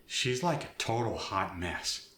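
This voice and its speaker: A man's voice: on the low side, lively intonation, measured pace, pushed and bright. A man playing a young, chill, dim nineties slacker with a Valley guy accent, drawling in valley-girl style with rising sentence ends and lots of "like" and "dude", as a comic demonstration. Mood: slangy, breezy. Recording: roomy echo.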